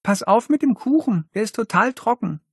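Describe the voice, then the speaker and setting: A man's voice: sits high, expressive, moderate pace, slightly rough, no room sound, pitched above the performer's own voice, full character voice. A man voicing a bored, sarcastic schoolgirl in a storybook reading, with a dry, scornful manner.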